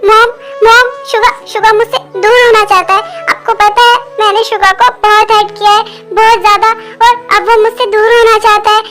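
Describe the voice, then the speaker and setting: A woman's voice: very high-pitched, level tone, moderate pace, over music. A woman voicing a tearful young wife in a Hindi fan dub, stammering and pleading.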